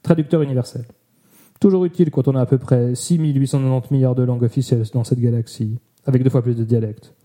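Man as a hurried boss, very dark tone, brisk, storybook reading. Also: medium pitch, steady tone, lightly acted. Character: hurried boss giving friendly advice.

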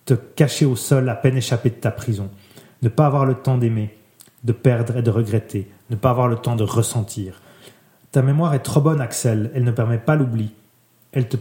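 A man reading a literary text aloud in a soft, measured way, letting his voice drop quieter at the ends of phrases. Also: mid-range voice. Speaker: reader. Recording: roomy echo.

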